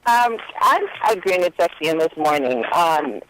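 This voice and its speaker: A woman's voice: deep voice, very animated, normal speed, a bit bright, faint music behind, rough recording. A woman from Jamaica, calling in to a radio show and telling her view earnestly and emphatically over the phone. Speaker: caller. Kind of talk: call-in radio chat. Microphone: telephone.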